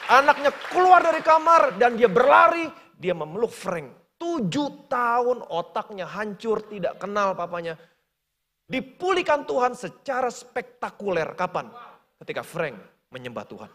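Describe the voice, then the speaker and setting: A male pastor preaching a sermon in a church, telling a story dramatically and moving between hushed and loud delivery, with English phrases mixed in. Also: extremely high pitch, big pitch swings, measured pace, a faint crowd. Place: church hall. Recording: long church hall reverb.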